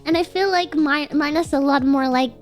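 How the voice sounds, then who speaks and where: A young adult woman with a nasal, girlish voice, chatting casually and excitably to livestream viewers in a cute anime-streamer manner. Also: high-pitched, normal speed, soft background music. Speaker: VTuber livestreamer.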